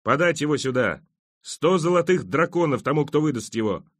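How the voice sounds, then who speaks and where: A man voicing a cruel, spoiled young king who shouts furious commands. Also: a little high, normal speed, husky, voice pushed up.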